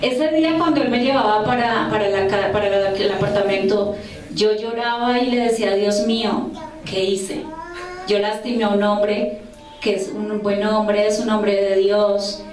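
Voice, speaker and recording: A woman speaking earnestly to a church group, sharing a personal testimony with pauses and restarts. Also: medium pitch, fairly even intonation, darkish tone. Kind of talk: religious talk with personal testimony. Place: church group meeting room. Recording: echoey room, mic far off.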